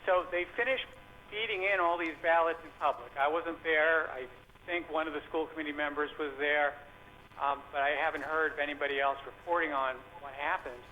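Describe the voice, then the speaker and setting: A man calling in to a talk show over a landline phone, speaking casually with hesitant pauses and fillers. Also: a little high, steady tone, sharp tone. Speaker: caller. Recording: dull lo-fi phone line with faint hiss.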